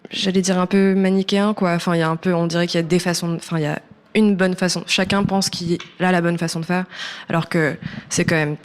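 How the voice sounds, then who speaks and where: In a radio interview, a French-American musician and singer in her early twenties, born in New York and a native English speaker, talks casually at a quick pace. Her voice sits on the low side with fairly even intonation, and she sounds hesitant and informal, frequently trailing off.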